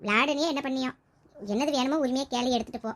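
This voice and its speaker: Fast-talking high-voiced woman, bickering banter. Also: fairly bright tone. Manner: bickering, teasing, quick village banter. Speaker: comedy sketch performer. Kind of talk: family comedy skit, playing several relatives.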